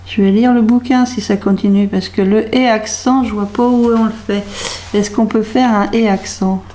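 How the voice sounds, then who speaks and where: A French craft vlogger from France thinks aloud while trying out a label maker, hesitant and puzzled, muttering to herself. Her medium-pitched, mellow voice is steady in tone and moves at normal speed, with a little hiss or hum on the recording.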